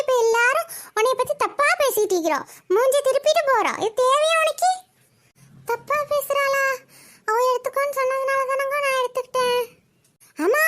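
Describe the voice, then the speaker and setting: Woman voicing a squeaky meddling auntie. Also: fairly bright tone. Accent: Kayalpattinam Tamil. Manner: nagging, lecturing. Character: meddling gossipy middle-aged auntie. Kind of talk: cartoon voice acting.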